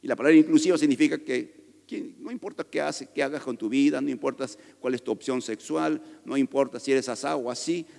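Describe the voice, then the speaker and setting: Emphatic pastor in a reverberant church. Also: male voice, mid-range voice, a little fast, creaky, a little mellow. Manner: emphatic and conversational, with joking asides to the congregation. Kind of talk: sermon. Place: church sanctuary.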